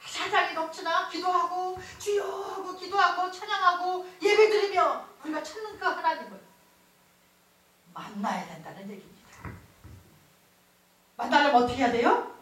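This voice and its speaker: A woman's voice: very high-pitched, lively intonation, normal speed, pauses often, fairly bright tone. A woman pastor giving an emotive revival sermon, telling her own story with bursts of laughter. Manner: emotive storytelling preaching, laughing as she talks. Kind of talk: revival sermon with personal testimony. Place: large church hall at a revival meeting. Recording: echoey hall heard from far off.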